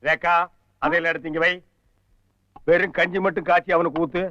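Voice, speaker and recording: An actor playing a sarcastic, scolding comic lead in a film comedy scene, firing off quick insults. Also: male voice, fairly high pitch, flat delivery, bright, forceful tone, no room sound. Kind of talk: Tamil film comedy dialogue. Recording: dull lo-fi film soundtrack.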